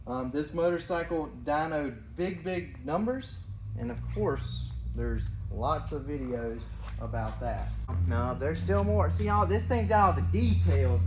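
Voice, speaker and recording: A man with a slightly high voice walks viewers around a motorcycle, rattling off parts quickly and with excitement. He talks to his audience directly in a loose, hyped way. A faint hum of ambient noise sits under the recording. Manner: fast, animated, hypes parts and talks to viewers; refers to himself in third person. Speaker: motorcycle builder and channel host. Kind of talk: casual walkaround show-and-tell.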